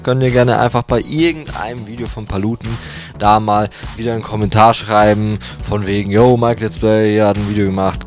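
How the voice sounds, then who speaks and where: Upbeat young man announcing a giveaway. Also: mid-range voice. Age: young adult. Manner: enthusiastic, informal youth slang. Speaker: YouTube host. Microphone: handheld microphone held close to the mouth. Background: background music.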